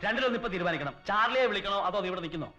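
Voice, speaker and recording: A man's voice: sits high, lively intonation, racing, highs cut off. An actor playing a stubborn family man who scolds his wife and bosses a friend on the phone, in a film drama. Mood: stern. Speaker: head of the family, guardian of the children. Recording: film soundtrack with music under.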